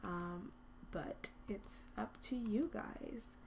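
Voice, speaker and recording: A woman hosting a gaming channel does casual let's-play commentary on a life-sim game, chatty and rambling with lots of ums and frequent drops into a whisper. Her medium-pitched voice is gravelly and a little mellow, with drawn-out words and slight background noise.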